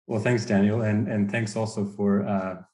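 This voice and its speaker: Thoughtful low-voiced Swedish guest. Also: male voice, level tone, normal speed, a little mellow, reverberant, rough recording. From Sweden. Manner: thoughtful, hesitant, many restarts. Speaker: podcast guest, researcher. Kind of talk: podcast interview.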